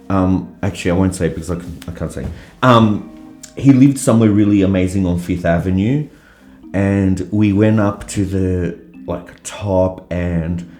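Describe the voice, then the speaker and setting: A man's voice: lowish voice, darkish tone. A young man being interviewed, telling a story in a candid, loose way, swearing freely and using lots of fillers. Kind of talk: casual storytelling. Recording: roomy sound with faint background music.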